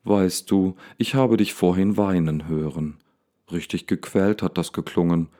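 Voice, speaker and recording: A gentle storybook lion with a deep, full voice, speaking slowly and softly with calm curiosity, as a male narrator puts him on. The tone is dark and mellow, low and unhurried. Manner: calm, soft-spoken, slightly awkward.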